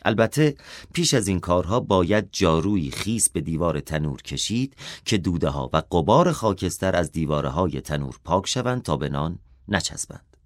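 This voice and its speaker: A man reading a children's story aloud, expressive and dropping softer for the character's inner thoughts. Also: low-pitched, dry recording, clean studio sound.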